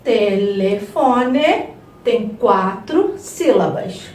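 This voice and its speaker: A Brazilian woman teaching a review lesson to young children, stretching words out slowly and playfully. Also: medium pitch, expressive, darkish tone, reverberant, far from the mic. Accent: Brazilian Portuguese. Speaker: primary school teacher.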